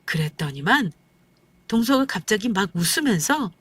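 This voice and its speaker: Woman reading out a life story, mid-pitched, dry close sound, calm and even. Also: normal speed, breathy edge, no echo. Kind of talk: scripted first-person story narration.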